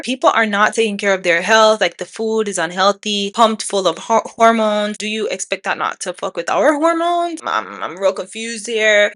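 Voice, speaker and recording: Blunt bright-voiced woman in her twenties. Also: medium pitch. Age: 20s. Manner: blunt, laughs often, rhetorical questions. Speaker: podcast host. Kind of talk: casual opinion monologue. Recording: odd-sounding mic.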